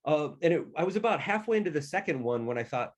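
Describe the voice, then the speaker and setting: Relaxed male author telling a story. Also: a little high, fast talker. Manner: relaxed, conversational, plainspoken. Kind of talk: casual storytelling about writing.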